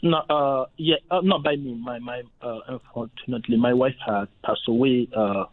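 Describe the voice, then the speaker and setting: A male caller comes through a dry, tinny phone line. He asks his questions haltingly, with frequent hesitation. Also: medium pitch, no room sound. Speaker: caller to a call-in show. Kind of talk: asking for advice on a live call.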